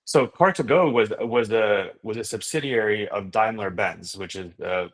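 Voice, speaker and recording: This man's voice sits on the low side and moves at a moderate pace. He is Indonesian, a native speaker of the language, and as a startup founder and investor guesting on a podcast, he tells his story enthusiastically in a casual interview, often checking in with "you know" and "right?".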